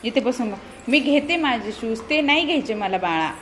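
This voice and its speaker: A young woman with a Marathi accent chatting in a family vlog, talking softly to the camera and calling out loudly to her small children. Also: a little high, animated, normal speed. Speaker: vlogger and mother. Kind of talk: casual family vlog chat. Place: home and school grounds.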